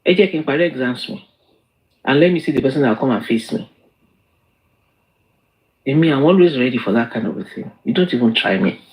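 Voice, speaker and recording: A woman's voice: very deep voice, lively intonation, brisk, long pauses, darkish tone. A woman with a Yoruba Nigerian accent hosting a live stream, talking in an emphatic and defiant way as she moves between English and Yoruba. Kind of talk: heated live-stream chat.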